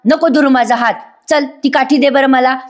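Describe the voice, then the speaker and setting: A woman's voice: high-pitched, steady tone, normal speed, voice pushed up, lightly acted. A woman voicing a frail old grandmother with an aching back, calling out and scolding in a raised voice. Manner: pleading, scolding cries.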